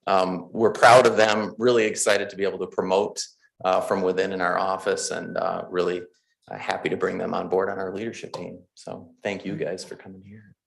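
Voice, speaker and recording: A man's voice: low-pitched, level tone, moderate pace, creaky, low-quality recording. A man with a Midwestern accent, a county official, introducing colleagues at a board meeting in a friendly, casual way with many fillers. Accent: Midwestern American. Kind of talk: presenting at a public meeting.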